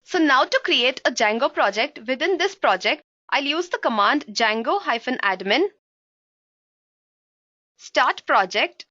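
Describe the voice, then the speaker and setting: A woman with a high, bright voice teaches a live coding tutorial. She walks through each step and keeps addressing her listeners as guys. Her voice comes through a dull, dry livestream headset mic with no room sound. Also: expressive, a little slow, no echo. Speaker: programming instructor.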